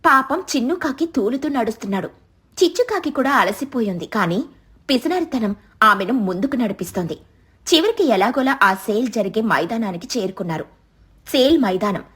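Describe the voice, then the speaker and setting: A woman narrating a children's cartoon story in an expressive storytelling manner. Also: a little high, brisk.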